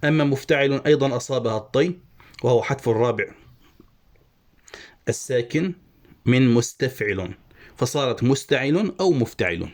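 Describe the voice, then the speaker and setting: A man teaching an online lesson on poetic meter, methodically explaining the verse and slowly spelling out each syllable. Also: mid-range voice, lively intonation. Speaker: Arabic prosody teacher.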